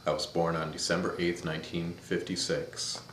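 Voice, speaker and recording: A man's voice: low voice, level tone, normal speed, fairly bright tone, a little hiss or hum. A man in his fifties from upstate New York, thoughtfully telling stories of his childhood in an interview. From upstate New York, USA. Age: 50s. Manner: thoughtful, storytelling, searches for words. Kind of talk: reminiscing interview. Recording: echoey room.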